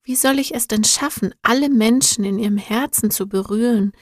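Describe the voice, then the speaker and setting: A woman's voice: a little high, normal speed, no room sound, studio quality, close to an everyday voice. A woman voicing a thoughtful young girl in a storybook, speaking in an earnest, searching, heartfelt way. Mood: earnest, wistful.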